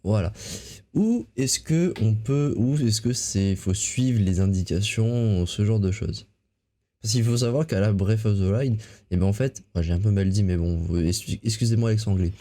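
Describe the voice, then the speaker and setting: A man's voice: fairly low pitch, normal speed, dark tone. A man casually commentating a video game as he plays and reading the on-screen dialogue aloud. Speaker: gamer. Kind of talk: let's play commentary.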